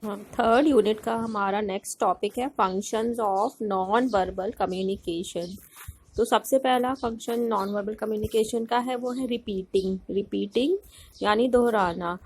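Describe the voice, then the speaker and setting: A woman's voice: mid-range voice, unhurried, a little mellow, breathy edge. A woman teacher giving a recorded lecture, explaining step by step with many fillers and English terms mixed in. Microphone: phone voice recorder.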